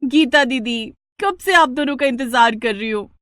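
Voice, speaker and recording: A woman's voice: fairly high pitch, expressive, a little fast, no room sound, studio quality, natural voice. A woman voicing a vain, lovestruck young woman in a storybook cartoon, petulant and coquettish. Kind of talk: storybook narration.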